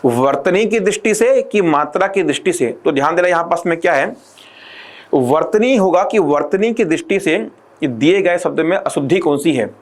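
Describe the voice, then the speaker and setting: A male teacher giving an exam-prep lecture who keeps asking the class rhetorical questions and slows down to dictate definitions. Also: on the high side, expressive.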